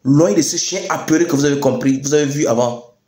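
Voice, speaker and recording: A young man speaks in an echoey space with a Chadian French accent. He delivers a rousing political address, deliberate and emphatic. He leans on repetition and rhetorical questions to drive his words home. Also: fairly high pitch, warm tone. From Chad. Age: young adult. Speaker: youth activist speaker. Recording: echoey room sound.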